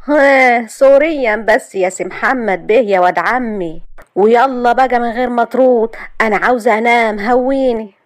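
Woman reading as a feisty young bride, mocking retorts, high-pitched, dry recording. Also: normal speed, no echo, close to an everyday voice. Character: feisty young Upper Egyptian bride, sharp-tongued. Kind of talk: storytelling.

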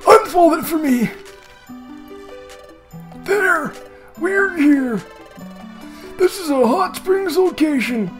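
A man voicing a cheerful old male hot-spring keeper in a slow, quavering old-man voice. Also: very high voice, expressive, fairly bright tone, faint music behind, voice pushed up, heavily acted. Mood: guiding.

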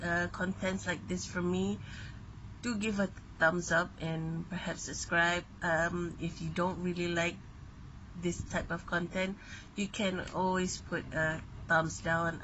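A woman's voice: on the low side, fairly even intonation, slow pace, a bit bright. A middle-aged woman chatting casually to camera as a vlogger. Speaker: beauty vlogger. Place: small bedroom at home. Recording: dull, noisy home camera audio.

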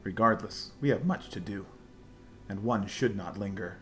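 An earnest young princess from a storybook video game, acted out by a man. The lines are declaimed politely and with measured, stagy weight. Faint music sits behind the voice. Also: on the low side, natural voice. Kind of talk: reading game dialogue aloud in character.

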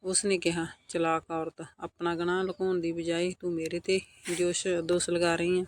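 A man narrating a first-person family story in an earnest, steady way, reading every character's lines himself. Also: high voice, normal speed. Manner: steady, earnest retelling of family drama, voicing all quotes.

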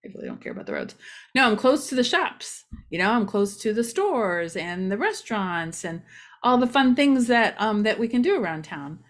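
A woman's voice: medium pitch, very animated, normal speed. A middle-aged woman, chatting through a casual local news vlog with joking asides. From Ohio, USA.

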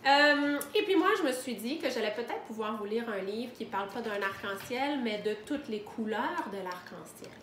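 A woman teacher reading a picture book aloud to children from home, gently explaining words as she goes. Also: fairly high pitch, animated, moderate pace, hardly any pauses, echoey room, a little hiss or hum.

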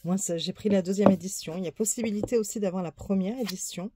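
A fast-talking woman with a mid-range voice shows off and reviews her tarot decks in a casual YouTube chat. She's easygoing and chatty, dropping small asides, fillers and little laughs, with background noise present.

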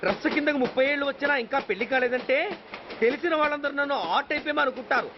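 A whiny unmarried thirty-ish sidekick, highish voice, noisy muffled film sound. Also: male voice, rapid-fire. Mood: complaining. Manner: self-pitying, rambling complaint. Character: grumbling unmarried man around thirty, sidekick. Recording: dull film audio with background noise.

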